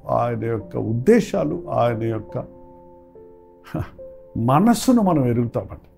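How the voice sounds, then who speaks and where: A man's voice: fairly high pitch, gravelly, warm tone. A man preaching a daily devotional sermon with an emphatic, repetitive cadence, over faint instrumental music. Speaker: pastor.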